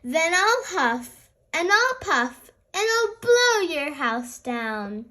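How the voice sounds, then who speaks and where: A big bad wolf from a children's storybook, played by a woman reading aloud. He is menacing and taunting, stretching out his threats slowly. The voice is very high and swoops up and down. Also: big pitch swings, pushed and bright, full character voice. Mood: threatening.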